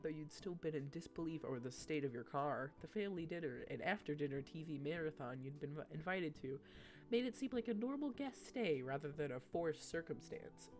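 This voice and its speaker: Animated woman streamer reading a game. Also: low voice, faint music behind. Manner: animated and jokey, quick to tease the characters. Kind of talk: reading a dating-sim game aloud with playful commentary.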